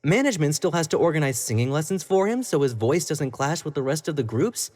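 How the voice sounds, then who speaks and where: The tone here is scornful: a fairly high, darkish male voice with lively intonation and a fairly quick pace. He's performing a roleplay monologue as a young pop idol consumed by jealousy and obsession, speaking close to the listener and veering between sweet pleading and cold condescension.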